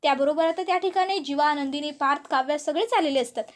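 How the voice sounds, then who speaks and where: Woman, episode recap narrator, storytelling, very high pitch. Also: fast. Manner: storytelling, retelling each line.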